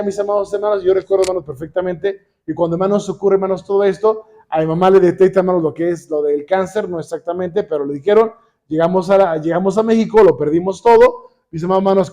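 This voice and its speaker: High-voiced Mexican preacher calling out "hermanos". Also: male voice. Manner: says "hermanos" constantly, asks the congregation questions; warm, joking asides. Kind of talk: sermon.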